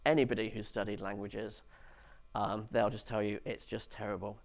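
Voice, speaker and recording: A man's voice: lowish voice, little pitch movement, normal speed, creaky. A man giving a conference talk to developers, with dry, sarcastic humour and questions to the audience, on stage in a conference hall. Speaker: conference speaker.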